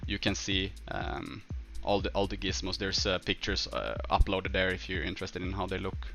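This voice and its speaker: A deep-voiced man from northern Sweden, Swedish accent clear, chats casually while livestreaming a game, answering viewers haltingly as he thinks aloud. His delivery is flat with vocal fry, and music plays over him.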